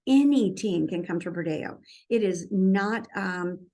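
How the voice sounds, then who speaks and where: A woman's voice: mid-range voice, a little slow, warm tone. Earnest woman presenting, many ums. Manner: earnest, frequent ums and restarts. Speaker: nonprofit youth program presenter. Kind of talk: conference presentation.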